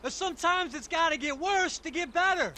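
An actor playing a laid-back young tennis coach in a video game, apologizing in easygoing bro talk. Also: male voice, very high-pitched, moderate pace, sharp tone, a little hiss or hum. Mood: sheepish.

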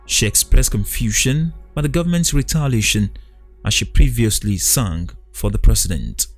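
A man narrating a news documentary in a measured, even reading voice. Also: fairly low pitch, soft background music. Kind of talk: scripted news voice-over.

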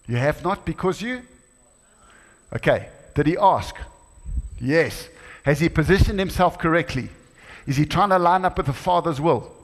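A middle-aged man preaching a sermon in a church, animated, rising to exclamations and acting out dialogue. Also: fairly high pitch, moderate pace. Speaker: guest preacher. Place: church hall. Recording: church hall with long reverb.

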